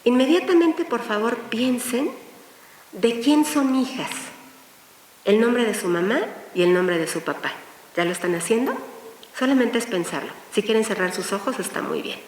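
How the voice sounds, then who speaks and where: A woman's voice: a little high, animated, normal speed. Woman speaking in an echoey hall. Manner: guides listeners through a visualization exercise. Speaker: speaker at a women's forum. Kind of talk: talk to a live audience. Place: hall with an audience. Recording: echoey hall, far from the mic, faint hiss.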